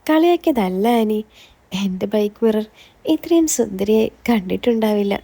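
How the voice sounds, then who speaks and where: A woman reading a young man's lines in a story, joking and gently flattering. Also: medium pitch, normal speed. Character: joking charming young man.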